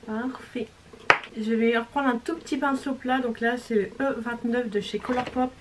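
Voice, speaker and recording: Over very noisy audio, a woman with a slightly high voice and fairly even intonation chats at a moderate pace through her makeup tutorial. This beauty vlogger explains every step casually, corrects herself along the way, and occasionally falls to a near-whisper.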